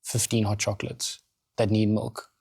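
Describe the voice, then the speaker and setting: A South African man, a podcast guest and coffee roaster founder, telling his story in casual, animated chat in a studio. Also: on the low side, normal speed, vocal fry, slight background noise. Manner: animated, acts out quotes in other voices.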